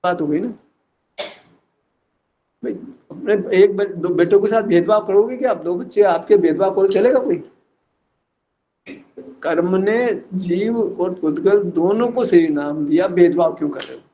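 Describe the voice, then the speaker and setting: High-voiced man giving a teasing discourse. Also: measured pace, long pauses, mellow, lo-fi sound, a little hiss or hum. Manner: teasing, rhetorical questions, laughs at points. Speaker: religious teacher. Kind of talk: Jain philosophical discourse.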